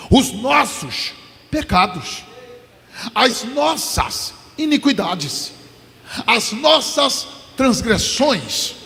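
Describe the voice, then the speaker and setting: A Brazilian pastor preaching a fervent Pentecostal sermon in a large church, often shouting his refrains. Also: very high-pitched, creaky. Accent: Brazilian Portuguese. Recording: echoey hall reverb.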